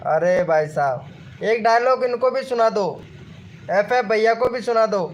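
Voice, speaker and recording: Guy streaming live, super high voice, hyped and repeating himself, bro this bro that. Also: moderate pace, a little hiss or hum. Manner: excited, repetitive, calls everyone brother. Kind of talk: casual live-stream chat reading viewer comments.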